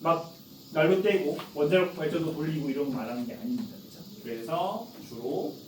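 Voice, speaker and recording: A man's voice: fairly high pitch, animated, a little fast, noisy background. A man in his forties teaching a class in a classroom, chatty, often asking students questions and answering them himself. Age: 40s. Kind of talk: classroom lecture. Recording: echoey classroom from far off.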